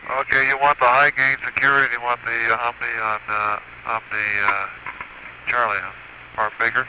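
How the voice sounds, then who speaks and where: A male astronaut reading back instructions in clipped, halting phrases over a faint, breaking-up radio transmission from space. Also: medium pitch, flat delivery, sharp tone, a little hiss or hum, low-quality recording. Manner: clipped, halting readbacks with fillers. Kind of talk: procedural radio exchange.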